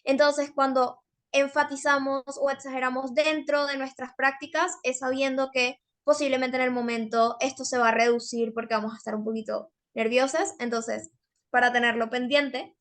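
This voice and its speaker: High-voiced young woman giving a workshop. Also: level tone, moderate pace. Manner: explanatory, with many fillers. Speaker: workshop speaker. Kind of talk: workshop presentation.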